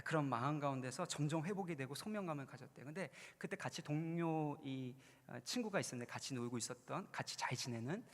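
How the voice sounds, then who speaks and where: A pastor in his forties giving a conversational, storytelling sermon at a youth retreat, building to earnest, emphatic points. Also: a little high. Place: large church hall. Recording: long reverb in a large hall.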